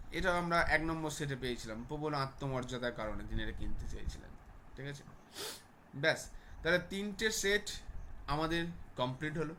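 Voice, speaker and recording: A man's voice: a little high, a bit bright, a little hiss or hum. A man teaching a class, walking students through exam answers and often checking that they follow.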